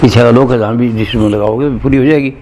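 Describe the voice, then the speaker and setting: A man's voice: mid-range voice, fairly even intonation, quick pace, warm tone, slight background noise. A man from India giving a morning satsang sermon as a spiritual teacher. He talks in a conversational way, speaks to his listeners directly and mixes in recited verses.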